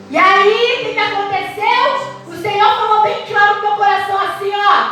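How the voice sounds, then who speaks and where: High, bright-voiced Brazilian woman preaching. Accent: Brazilian Portuguese. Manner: passionate, emphatic, drawn-out preaching with sung-out phrases. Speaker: pastor. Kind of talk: sermon. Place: large church hall. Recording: echoey church hall, mic at a distance.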